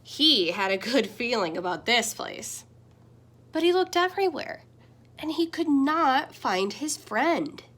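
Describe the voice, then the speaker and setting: Taking the role of a teacher, a young adult woman reads a children's picture book at a slow pace. She's gentle and animated, her voice swinging widely in pitch and volume.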